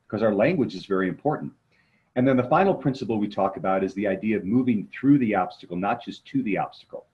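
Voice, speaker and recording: In a mid-range voice with clipped highs, a male motivational coach and martial arts trainer speaks as an interview guest. His explanations are conversational, with rhetorical questions mixed in.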